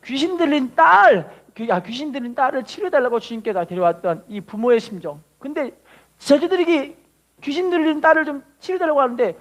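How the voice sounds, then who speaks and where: A man's voice: lively intonation, fast talker, hardly any pauses. A man preaching a sermon as pastor, leading the congregation in call and response with dramatic swells. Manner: preaches with dramatic rises in pitch and volume.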